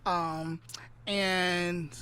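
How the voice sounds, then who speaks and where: With a fairly low pitch, flat delivery and a sharp, clean tone, a woman co-hosts a podcast by remote call mic. She's casual and playful, dragging out her guessing questions in a word game.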